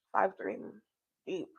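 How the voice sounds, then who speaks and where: Her voice is medium-pitched and fairly bright with a breathy edge as she chats casually on a personal livestream. Reflective and motivational, she wanders from thought to thought, speaks emphatically, and keeps making sure viewers follow her.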